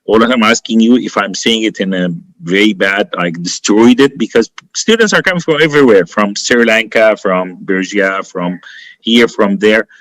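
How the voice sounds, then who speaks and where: A man's voice: lowish voice, moderate pace, a bit bright, no room sound, low-quality recording. A man with an Egyptian accent, a native Arabic speaker, answering conversationally as an interview guest in an emphatic, encouraging way, repeating phrases for stress. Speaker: interview guest, politician and teacher.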